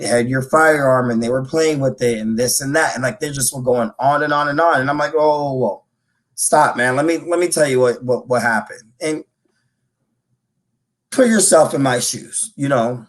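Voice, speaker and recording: A man on a podcast, retelling a personal story in a loose, animated way, with restarts and swearing. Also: medium pitch. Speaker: podcast co-host. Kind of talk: casual conversation.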